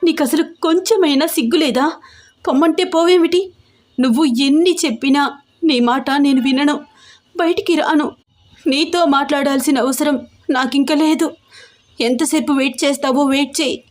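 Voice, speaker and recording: A hurt young woman, sharp and scolding, pushing her lover away, as a female storyteller puts her on. Her voice sits fairly high in this audio story. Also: normal speed, long pauses, close to an everyday voice. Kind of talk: audio story character reading.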